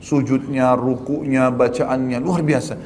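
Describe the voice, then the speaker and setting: A man's voice: mid-range voice, fairly even intonation, measured pace, a little mellow. A man preaching a sermon, telling stories with rising, emphatic exclamations. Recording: long hall reverb with faint noise.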